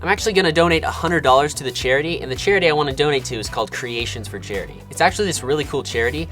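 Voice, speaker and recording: A man talks through his vlog in a quick, chatty voice-over. He sounds upbeat and now and then laughs between phrases. Light music plays quietly under him. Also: on the high side. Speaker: YouTuber narrating a building challenge. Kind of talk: casual vlog narration.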